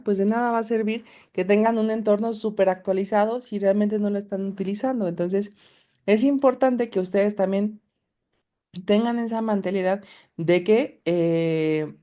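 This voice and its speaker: A woman's voice: medium pitch, dark tone. A woman teaching an online class, patiently walking students through a screen demonstration. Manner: patient, explanatory, direct address to students. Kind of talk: recorded class with screen demo.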